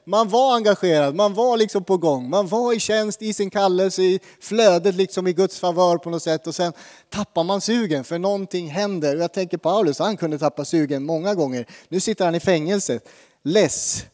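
A man's voice: sits high, a little mellow, long reverb tail. Predikande man i ett ekande kyrkorum. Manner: conversational, asks the congregation questions. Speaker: pastor. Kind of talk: sermon.

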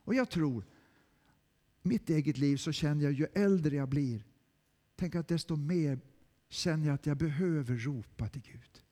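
A man preaching a sermon in a church, swinging between loud cries and hushed whispers. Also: fairly high pitch, pauses often, in a large hall. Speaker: pastor.

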